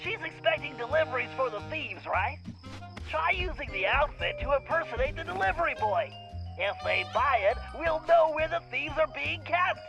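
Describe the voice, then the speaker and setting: A man's voice: extremely high pitch, very animated, normal speed, gravelly, highs cut off, over music, exaggerated voice. A man playing a nerdy, cautious male turtle genius sidekick with a fussy, nasal delivery in a video game cutscene. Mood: scheming.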